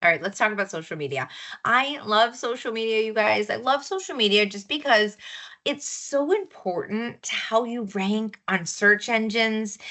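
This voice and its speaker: A woman giving an upbeat, chatty walkthrough of marketing software for loan officers, often checking in with "right?". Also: mid-range voice. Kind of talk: product demo walkthrough.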